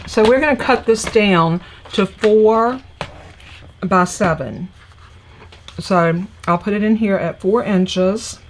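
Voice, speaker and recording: A woman gives a live crafting tutorial, chattily explaining a papercraft project step by step as she works. Her voice is scratchy and congested, medium in pitch, and slow.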